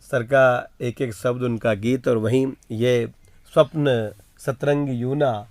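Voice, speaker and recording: A man's voice: medium pitch, steady tone, slow pace, dry recording. A male host of a radio poetry program, praising poets and introducing the next performer. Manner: warmly praising, interjecting "wah" and "hmm".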